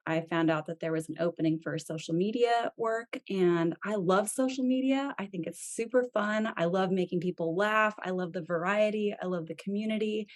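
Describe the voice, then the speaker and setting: A woman's voice: on the low side, darkish tone. A woman talking about herself on a podcast in an upbeat, easy way. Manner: upbeat, laughs easily. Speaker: social media specialist. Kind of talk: casual podcast chat.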